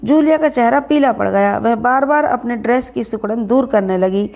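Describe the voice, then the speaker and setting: A woman narrating a story in first person, expressive and shifting into a stern employer's voice. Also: a little high, moderate pace, creaky.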